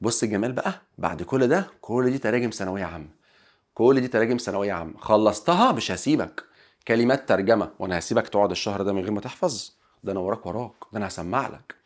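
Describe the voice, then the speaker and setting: A man with an Egyptian accent teaching an English lesson online, talking in an animated way and acting out his students' questions. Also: on the low side, rapid-fire. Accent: Egyptian Arabic.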